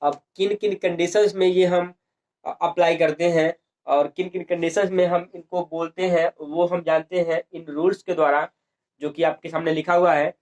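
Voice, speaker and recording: A man's voice: fairly high pitch, fairly even intonation, normal speed, a little mellow. A man teaching a lesson on English pronunciation, repeating points and asking and answering his own questions.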